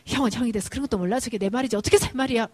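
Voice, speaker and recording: Lady playing a wide-eyed stubborn little kid, husky voice, high and excited. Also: rapid-fire, no room sound, natural voice. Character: dreamy stubborn little boy full of wonder.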